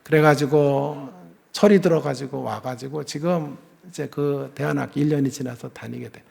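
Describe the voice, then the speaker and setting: A middle-aged man from South Korea preaching at a revival meeting, telling a family story and acting out its dialogue, moving from hushed to loud. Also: medium pitch, steady tone, normal speed, vocal fry. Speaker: pastor. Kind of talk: revival sermon.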